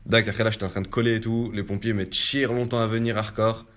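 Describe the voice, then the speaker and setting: A young man tells his story in a rapid, low-pitched voice. He speaks in loose street slang and keeps coming back to fillers as he talks. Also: flat delivery, a bit bright. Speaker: storyteller recounting a personal ordeal. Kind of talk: casual spoken testimony.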